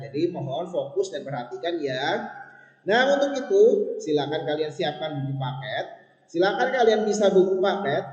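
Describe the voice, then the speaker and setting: A man's voice: a little high, darkish tone. A young man teaching a recorded school lesson to his pupils, patient and instructive, repeating points and checking that they follow. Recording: echoey, reverberant room, dull lo-fi sound.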